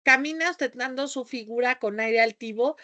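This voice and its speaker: Loud, theatrical woman teaching. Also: moderate pace, no echo. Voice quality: high-pitched voice, calls it a squeaky off-key whistle. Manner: theatrical, shifts her tone, talks loudly; scattered, jumps between topics with tangents. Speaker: homeopathy teacher. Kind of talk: lecture to a class.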